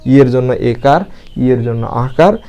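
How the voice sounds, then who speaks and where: A man teaches English reading, slowly explaining spelling and pronunciation and spelling words out letter by letter. His voice is medium-pitched and warm.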